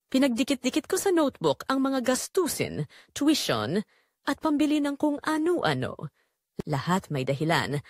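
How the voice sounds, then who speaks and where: This is first-person audio drama narration in which a woman with a Filipino accent, cast as an unhappy wife and mother, admits her betrayal in a measured, reflective way. She sounds troubled yet resolute at a medium pitch. The recording is dry and studio-clean.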